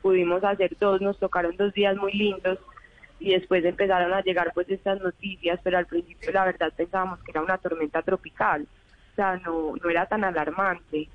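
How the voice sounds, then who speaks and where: A woman's voice: on the low side, fairly quick. A woman in her twenties from Medellín with a Colombian paisa accent, telling her story chattily as a phone-in guest on a radio show. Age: 20s. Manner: chatty, animated retelling with paisa fillers. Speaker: phone-in interviewee, evacuated tourist. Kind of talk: live radio phone interview. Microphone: telephone. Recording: tinny phone line.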